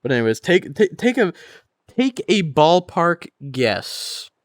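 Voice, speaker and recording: A man's voice: a little high, very animated, slow, no room sound, clean studio sound. A young man streaming, telling a crude story to his chat with lots of laughter and swearing.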